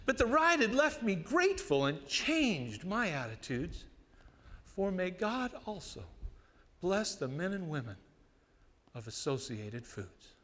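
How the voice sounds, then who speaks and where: Animated cowboy poet, man with Western twang. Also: high-pitched. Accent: American West cowboy twang. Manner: folksy old-time cowboy drawl with dramatic pauses. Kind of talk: cowboy poetry recitation to an audience. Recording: reverberant hall.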